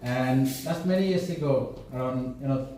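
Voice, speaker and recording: A middle-aged man from Bangladesh giving a halting speech full of fillers and restarts, as a councillor at an event. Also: medium pitch, mellow, a little hiss or hum. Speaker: city councillor. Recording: echoey hall, voice from far off.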